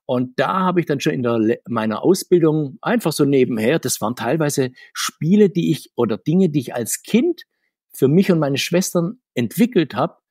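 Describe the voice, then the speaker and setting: A middle-aged comics author, appearing as a podcast guest, tells anecdotes in a chatty, digressive way and often restarts his sentences. His voice is fairly high, expressive and a little mellow, slightly rough, at normal speed. The audio is studio quality with no echo.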